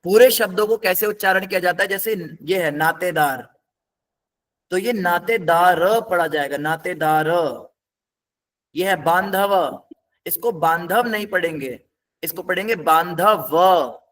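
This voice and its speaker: High-voiced man teaching a scripture class. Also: measured pace, a bit bright. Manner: patient, step-by-step explaining, quizzes the class.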